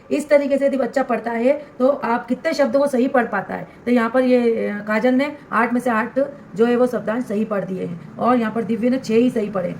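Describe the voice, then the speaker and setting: In a reverberant recording, a woman with a slightly high, darkish voice gives an instructional walkthrough for other teachers. She is a primary school teacher, showing step by step how to complete a student assessment workbook.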